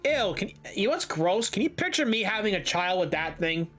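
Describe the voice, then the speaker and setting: A man's voice: sits high, sing-song, fairly quick, fairly bright tone, faint music behind. A man streaming, chatting casually and profanely with his viewers while he reads a story.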